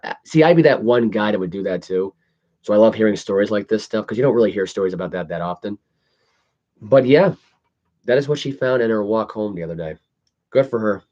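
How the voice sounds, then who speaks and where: Male podcast host, lowish voice, casual news read with halting, stumbling delivery, muffled low-fidelity recording. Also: mellow. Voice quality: imprecise articulation of longer words. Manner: halting, stumbles over words when reading. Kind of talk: casual news commentary, reading articles aloud. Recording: dull lo-fi audio.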